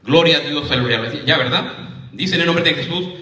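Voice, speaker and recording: A man's voice: fairly high pitch, normal speed, bright, forceful tone. A man preaching a sermon as minister, reading scripture aloud and often asking his listeners "right?". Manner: addresses listeners as "hermano", asks "¿verdad?". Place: church congregation. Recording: echoey church, voice from a distance.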